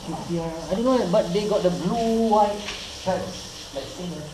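A man with a Singaporean accent chats casually in clipped Singlish. His voice sits a little high. It is picked up by an action camera in an echoey room with clear background noise. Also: moderate pace. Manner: colloquial Singlish with clipped phrases and sentence-end particles. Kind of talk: casual chat.

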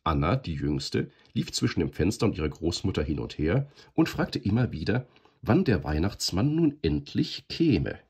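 Low, husky male storyteller. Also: moderate pace. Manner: lively, expressive reading. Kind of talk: storybook reading.

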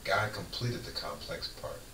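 A middle-aged radio host talks about faith from a studio in a folksy, emphatic, preachy style, laughing often. His voice sits low with lively intonation and an unhurried pace. He's far from the mic in a roomy space, with a faint hiss in the background.

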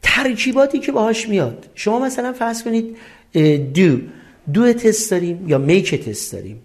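A man's voice: sits high, lively intonation. Persian-accented male English teacher. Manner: explains step by step and asks and answers his own questions. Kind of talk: recorded classroom lesson.

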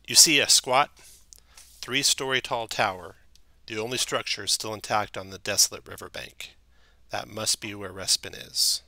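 A man's voice: lowish voice, pushed and bright, no echo. A man narrating a tabletop game as game master, describing scenes and sometimes correcting himself.

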